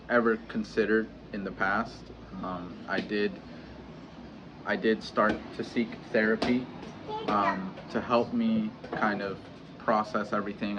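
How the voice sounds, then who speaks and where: A man in his thirties talking candidly in a personal vlog, pausing often and restarting his sentences. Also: on the low side. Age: 30s. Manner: hesitant, halting, many restarts and fillers. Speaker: vlogger. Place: home in Mexico. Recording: dull lo-fi audio with clear background noise.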